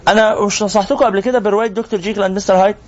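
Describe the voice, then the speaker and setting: A man's voice: high voice, fairly even intonation, racing. An Egyptian sheikh teaching a live class, firing rhetorical questions at his listeners. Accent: Egyptian Arabic. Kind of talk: religious lesson to a live class. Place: room with a class. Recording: muffled lo-fi recording.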